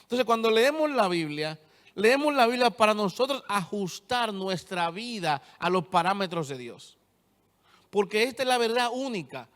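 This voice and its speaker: A man's voice: sits high, animated, moderate pace, fairly bright tone. A young man preaching a sermon, retelling scripture and driving his points home with firm repetition. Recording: long church-hall reverb.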